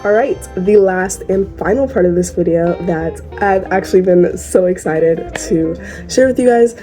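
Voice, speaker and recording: A woman's voice: fairly low pitch, moderate pace, warm tone, soft background music. Chatty teen girl vlogging at home. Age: teens. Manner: chatty, giggly, talks to viewers directly. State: sore throat, tired. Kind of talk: casual vlog chat.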